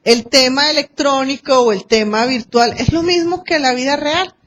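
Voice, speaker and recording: A Colombian woman lecturing a class on arbitration, lively and acting out quoted exchanges and anecdotes. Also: high-pitched, moderate pace, slight background noise.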